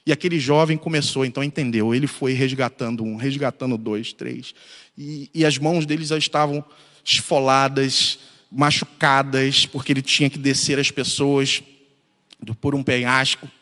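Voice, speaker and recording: A man's voice: mid-range voice, fairly even intonation, moderate pace, a bit bright. A man preaching a sermon as pastor, earnest, building to rising, emphatic passages. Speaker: pastor and missionary. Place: church sanctuary. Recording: echoey church hall.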